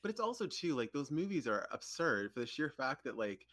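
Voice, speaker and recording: A man's voice: mid-range voice, a little fast, no room sound. A man chatting casually as a podcast guest, telling funny stories and acting out the quotes. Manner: animated storyteller acting out quotes. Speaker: guest, social media storyteller.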